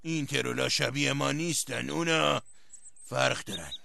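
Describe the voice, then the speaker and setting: A man's voice: mid-range voice, creaky, bright, forceful tone, no echo. An actor playing an old, anxious troll king in a cartoon film dub, speaking in a grave, warning tone. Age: older. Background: music.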